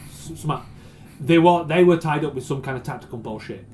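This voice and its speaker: A man's voice: on the high side, brisk, a little mellow, a little hiss or hum. A man narrating as game master for a tabletop game, wandering through descriptions and often searching for words.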